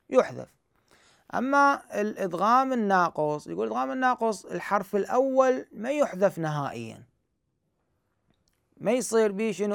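A man walks learners through recitation rules one step at a time. His voice sits high with a gravelly edge, yet stays smooth and resonant, recorded dry and close. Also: dry recording. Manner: explains step by step, asks himself questions and answers them. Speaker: Quran recitation teacher. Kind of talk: tajweed lesson.

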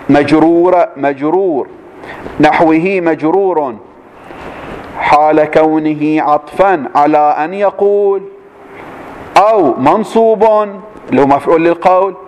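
A male teacher, higher voice. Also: darkish tone, a little hiss or hum. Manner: reads text aloud slowly, then explains with quick questions to the class. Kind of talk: classroom text lecture.

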